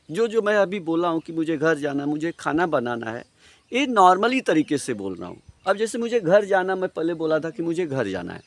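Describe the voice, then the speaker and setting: Lively Hindi-speaking man teaching English grammar. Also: on the high side. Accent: Indian. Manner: explains step by step, repeats example sentences slowly. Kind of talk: Hindi-language grammar lesson.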